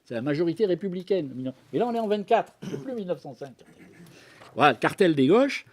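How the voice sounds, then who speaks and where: Higher-pitched man giving a chatty lecture. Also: sing-song, brisk. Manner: conversational lecturer with frequent asides and hesitations; reads historical documents aloud. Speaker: guest speaker at a political debate. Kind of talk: public talk to a live audience.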